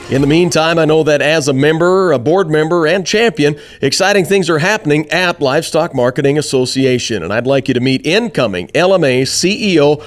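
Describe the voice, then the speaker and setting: An American man hosting a broadcast with scripted narration. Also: fairly high pitch. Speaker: host.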